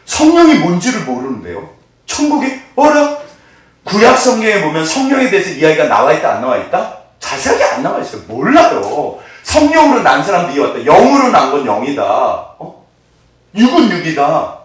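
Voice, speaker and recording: A man's voice: on the high side, wildly swooping pitch, normal speed. A man, a pastor, preaching a sermon in a church and often putting questions to the congregation. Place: church sanctuary. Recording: echoey hall, far from the mic.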